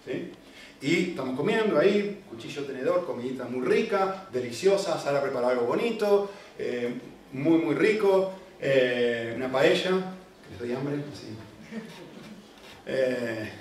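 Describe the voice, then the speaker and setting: A man's voice: a little high, slight background noise. A man preaching a sermon with emphatic repeated refusals, sounding like a preacher speaking to a congregation. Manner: animated, emphatic repetitions of "no". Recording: echoey hall, distant mic, faint ambience.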